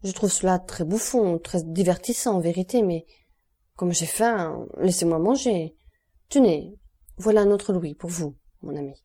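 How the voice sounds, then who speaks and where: A starving prisoner banker, voiced by a woman narrator, protesting in haughty, exasperated bursts. The tone is soft and dark, pitched a little low. An audiobook reading. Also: unhurried, husky. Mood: indignant. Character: indignant starving male banker held prisoner.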